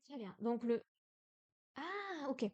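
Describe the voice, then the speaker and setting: A woman's voice: sits high, lively intonation, takes it slowly, a little mellow, dull audio. A young woman from France in a casual livestream study session, repeating syllables aloud and exaggerating the tones. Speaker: streamer learning Chinese.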